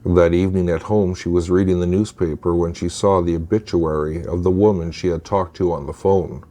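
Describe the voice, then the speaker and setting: Reading from a script, a very low-voiced man narrates true scary stories in a dark, soft-edged tone. Like a practiced storyteller, he gives each line a measured, deliberate delivery, keeping his tone steady.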